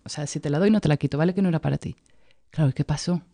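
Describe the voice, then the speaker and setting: Gravelly, animated woman. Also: low-pitched, racing, no echo. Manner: animated, acts out quoted dialogue. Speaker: yoga teacher, co-host. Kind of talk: casual conversational storytelling.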